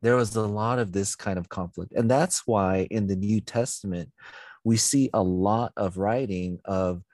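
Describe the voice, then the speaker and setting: Deep-voiced man musing on scripture. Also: unhurried, darkish tone, dry recording. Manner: thoughtful, searching for words. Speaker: pastor. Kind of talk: conversational Bible discussion.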